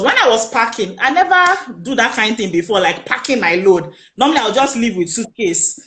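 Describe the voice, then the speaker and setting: A woman with a Nigerian accent recounts her own story as an interview guest. Her voice sits fairly high, and she tells it with lively emphasis, slipping into the voices of the people she quotes. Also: roomy sound. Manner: animated, emphatic retelling that acts out quoted speech.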